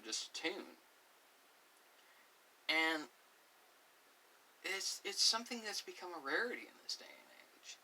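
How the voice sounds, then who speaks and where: A man with a mid-range voice that sounds pushed and bright hosts an ASMR channel, rambling informally about music. He muses and shares opinions, often drifting into asides, and the distant mic picks up hiss.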